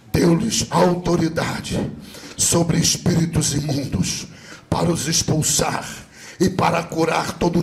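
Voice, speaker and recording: Man, Brazilian Portuguese accent, Pentecostal preacher, slow deliberate delivery, gravelly voice, shouted sing-song peaks. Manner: swings between loud shouted sing-song and low intimate teaching. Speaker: pastor. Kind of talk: Pentecostal sermon. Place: rooftop church service.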